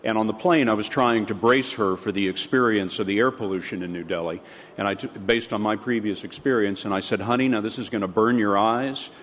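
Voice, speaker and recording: Measured male moderator in an echoey hall. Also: fairly low pitch, a bit bright. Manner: measured, slows down for emphasis. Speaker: panel moderator. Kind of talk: moderating a conference panel. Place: large conference hall. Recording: echoey hall with faint room noise.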